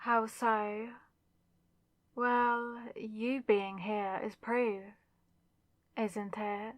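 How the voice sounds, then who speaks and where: A woman's voice: mid-range voice, flat delivery, extremely slow, no echo. A woman playing a haughty, villainous spirit in a possessed body, taunting and theatrical with mock sweetness, in a scripted ASMR roleplay. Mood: sly storytelling. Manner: taunting, theatrical, mockingly sweet, savouring words.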